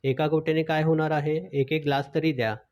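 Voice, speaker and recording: A man's voice: on the high side, level tone, brisk, darkish tone, lightly acted. A man voicing a playful brother-in-law in a read-aloud story, speaking in a teasing way.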